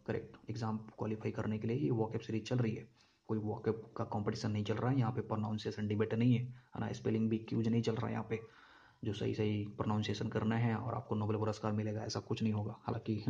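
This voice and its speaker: A man's voice: lowish voice, creaky, warm tone, muffled recording. A man teaching exam vocabulary, explaining words and often checking that listeners follow along.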